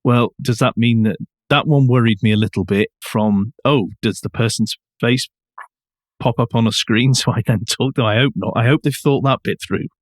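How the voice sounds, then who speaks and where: A podcast co-host casually discusses car news, voicing firm, emphatic opinions. His pitch is medium and his speed normal, recorded with clean studio sound and no echo.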